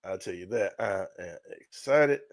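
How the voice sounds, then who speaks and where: A middle-aged man hosting a casual live sports stream, excitable and repetitive, often trailing off mid-sentence. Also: deep voice, normal speed, no echo, clean studio sound. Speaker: sports show host.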